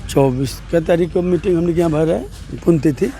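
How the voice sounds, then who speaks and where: Gravelly politician, man. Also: a little high, fairly quick, dark tone. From Bihar, India. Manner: forthright, repetitive rural phrasing. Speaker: district party president and legislator. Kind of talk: political interview.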